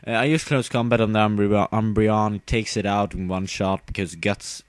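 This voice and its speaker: Tired giggly young man, low voice. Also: steady tone, moderate pace, clear, resonant tone, no echo. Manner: rambling, giggly, trails off with fillers. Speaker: gamer narrating his battle. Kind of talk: casual game commentary.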